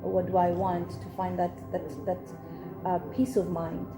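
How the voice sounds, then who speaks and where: A woman's voice: fairly low pitch, completely flat delivery, normal speed. Encouraging woman host, echoey room. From Africa. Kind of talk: interview talk show. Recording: roomy sound with music behind.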